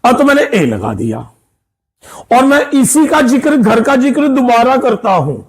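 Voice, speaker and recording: A man's voice: very high-pitched, very animated, unhurried. A man teaching English grammar to school students, explaining patiently, repeating points and often checking that they follow. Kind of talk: classroom grammar lesson.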